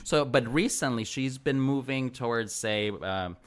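A man speaking as a political candidate in a casual interview, in a hesitant, halting manner. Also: medium pitch, clean tone.

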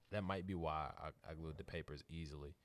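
American guy w a really deep voice, talks fast n slangy, emphatic, casual hangout chat, dry sound. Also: fairly even intonation, fairly bright tone, no room sound. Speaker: host of a group chat. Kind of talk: casual chat among friends.

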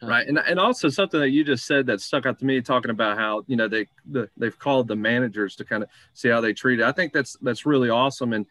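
A man's voice: mid-range voice, quick pace, sharp tone, no room sound. A man hosting a casual sports chat in a rambling, conversational way. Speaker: sports show host.

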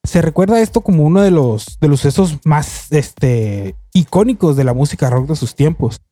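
A man's voice: on the high side, moderate pace, no room sound, faint music behind. A man telling a story in casual chat, rambling with restarts and acting out quotes. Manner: rambling, many restarts, quotes people in lively voices.

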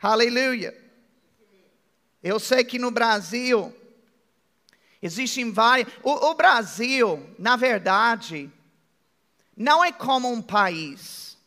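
A middle-aged male pastor with an American accent preaches in a joking, chatty manner. His voice sits very high for a man and sounds bright and gravelly as he draws his phrases out slowly. Long reverb from the church hall trails behind every line. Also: animated. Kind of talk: sermon.

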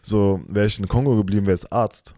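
A young man co-hosting a podcast in a relaxed, rambling way, mixing English slang into his German. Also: lowish voice, brisk, no room sound. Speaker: podcast co-host. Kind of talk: casual chat.

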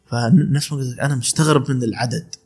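Emirati guy in his 20s, fast and chatty, husky gravelly voice. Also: medium pitch, steady tone, darkish tone, faint music behind. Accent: Emirati Arabic. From UAE, Khor Fakkan. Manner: chatty storyteller, laughs often, restarts. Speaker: calligrapher guest. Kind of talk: casual podcast chat.

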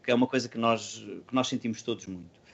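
Man, European Portuguese accent, mid-pitched, earnest, halting, slangy, casual interview, slightly dull lo-fi sound. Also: fairly even intonation, husky. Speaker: band musician being interviewed.

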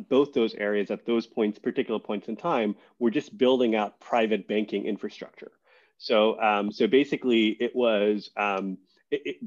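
A man with a lowish voice speaks as a podcast guest. He is casual and unhurried, circling back to restart his thoughts. The audio sounds slightly muffled. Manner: relaxed, thoughtful, many fillers and restarts. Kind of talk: casual interview conversation.

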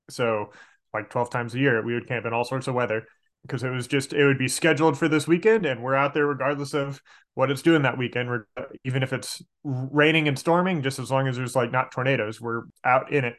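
This American man from Arkansas, a game master and outdoor educator, is a guest on a podcast, chatting casually in an interview. His medium-pitched voice is a bit bright, and he explains things while correcting himself along the way.

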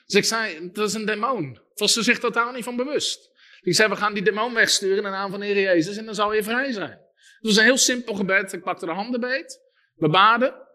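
A male preacher with a high, bright voice delivers an emphatic sermon. He builds his points through lists and tells stories, acting out the lines of the people in them. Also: brisk. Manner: emphatic, storytelling with lists and quoted dialogue.

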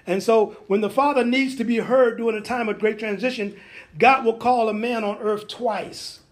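A man with a notably high voice delivers a sermon, breaking into amens and hallelujahs as he goes. His preaching is folksy and conversational, full of homely asides, and he slips into the voices of biblical figures to act out their dialogue. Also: fairly even intonation, moderate pace.

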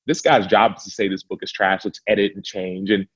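An earnest man co-hosts a podcast, rambling and restarting as he chats. His voice sits on the low side and the audio sounds dull and lo-fi. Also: flat delivery, brisk, a bit bright. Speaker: podcast co-host. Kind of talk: casual chat.

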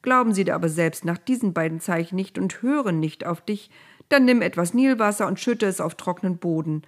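A woman reading a storybook aloud, voicing God speaking from a fire in solemn, deliberate, repetitive proclamations. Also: on the low side, expressive, natural voice. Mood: firm.

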